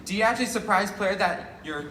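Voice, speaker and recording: A man's voice: sits high, fairly quick, pushed and bright, a little hiss or hum. A man fan nervously asking the panel a question, stumbling over his words. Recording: echoey convention hall.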